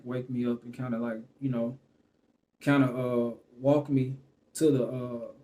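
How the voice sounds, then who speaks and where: A man at an ordinary mid pitch talks straight to camera, telling a personal story in a casual, rambling way. He leans on fillers and restarts his sentences, and he trails off often. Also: a little mellow. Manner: loose and rambling, full of "you know what I'm saying" and fillers.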